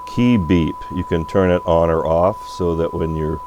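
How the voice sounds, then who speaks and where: Speaking a touch slowly in a deep voice, a man demonstrates radio repair at his workbench without a script, thinking out loud. Electrical hum fills the noisy recording.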